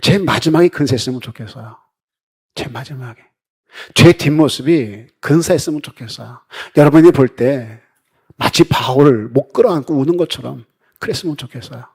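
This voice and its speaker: Husky-voiced middle-aged Korean pastor preaching. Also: male voice, normal speed, darkish tone. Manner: conversational preaching, voice dropping low on quotes. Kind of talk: sermon.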